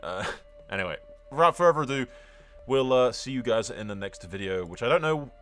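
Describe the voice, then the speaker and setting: A gaming video host with a medium-pitched, slightly bright voice comments expressively and briskly, soft music playing behind him. He rambles casually, cracking jokes and swearing at his audience.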